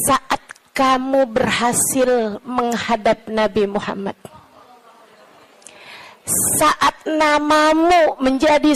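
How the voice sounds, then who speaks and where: A woman preacher giving a gentle, clear sermon that rises into fervent appeals. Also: sits high, poor audio.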